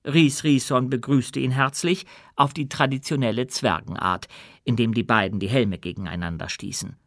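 In scripted narration of a fantasy audiobook, a man tells the story in an even, measured way. His voice is mid-range, and the studio-quality recording has no room sound.

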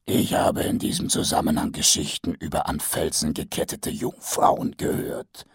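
A man voicing a male assassin who talks slowly and grumbles in a low, half-whispered mutter. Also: little pitch movement, gravelly, husky, no room sound, studio quality, exaggerated voice. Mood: grumbling.

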